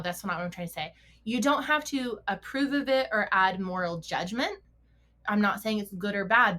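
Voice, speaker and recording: A woman's voice: medium pitch, sharp tone. Chatty woman coaching horse riders. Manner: conversational, self-correcting, laughs often, rhetorical questions. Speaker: podcast host and mental performance coach for riders. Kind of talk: casual solo podcast talk.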